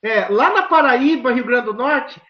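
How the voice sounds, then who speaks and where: A high-pitched woman with a southern Brazilian accent tells stories animatedly, acting out the voices of the people she quotes. Her questions come out emphatic. The recording sounds roomy and dull, like a lo-fi capture in an echoey room. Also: expressive, measured pace. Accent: southern Brazilian Portuguese. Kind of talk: animated storytelling conversation.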